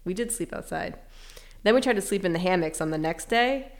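A woman's voice: lowish voice, animated, brisk. A woman speaking as an interview guest, candid and reflective, often breaking into light laughter as she tells her story. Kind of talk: casual emotional interview.

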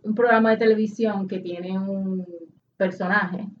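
A woman's voice: mid-range voice, steady tone, unhurried. A woman with a Puerto Rican Spanish accent, co-hosting a casual conversation, thoughtful and often restarting her sentences. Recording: dull audio from a distance with faint noise.

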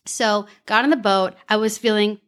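A woman's voice: medium pitch, fairly even intonation, normal speed. A woman hosting a casual podcast, telling a story animatedly, laughing and acting out her own thoughts. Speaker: podcast host.

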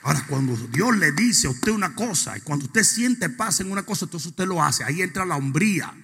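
A male pastor preaching a sermon. He swings from quiet asides to shouted, sing-song preaching. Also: a little high, expressive, a little fast, slightly rough, faint music behind. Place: church sanctuary. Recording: long reverb of a church hall.

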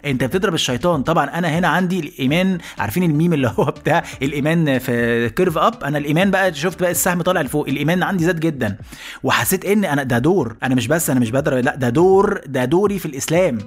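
A man with an Egyptian accent hosting a comedy podcast, telling stories in an animated monologue and slipping into voices. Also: a little high, slightly rough. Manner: rapid, animated, jumps into voices. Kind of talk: comic storytelling monologue.

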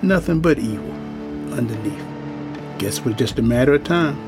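Music plays in the background as an actor, voicing a tired old working-class man in an audio drama, gives a folksy, plain-spoken warning full of foreboding. The voice is medium-pitched, expressive and natural, at a moderate pace.

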